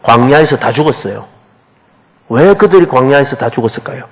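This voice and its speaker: A man's voice: mid-range voice, expressive, brisk. A man preaching a sermon as a pastor, questioning the congregation.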